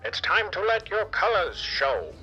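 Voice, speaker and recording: A man's voice: sits high, big pitch swings, measured pace, bright, forceful tone, slightly rough, dull audio, soft background music, voice pushed up, heavily acted. A man voicing a theatrical male jester announcer in a sing-song, old-timey showman delivery. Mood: showy.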